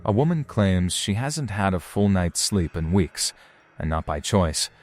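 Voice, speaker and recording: A man giving a scripted, suspenseful narration in a deliberate, ominous storytelling manner. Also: low voice, big pitch swings, over music. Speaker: narrator of paranormal footage compilation.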